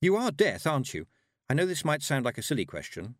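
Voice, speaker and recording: A man's voice: fairly high pitch, huge pitch swings, a little fast, no echo, clean studio sound, voice pushed up. A man doing a polite young witch girl. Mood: earnest. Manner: polite, earnest. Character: young girl witch, level-headed and curious.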